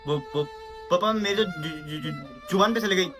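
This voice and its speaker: A man playing a cheeky young son who teases and then wheedles, with loud music behind. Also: sits high, normal speed, natural voice. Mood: wheedling. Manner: teasing, wheedling.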